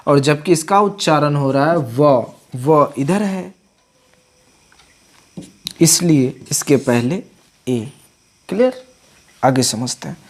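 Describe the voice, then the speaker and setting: A woman teaching English grammar in a classroom-style lecture. She spells out letters and asks questions that she then answers herself. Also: fairly low pitch. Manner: slow and deliberate, spells letters aloud, asks and answers her own questions.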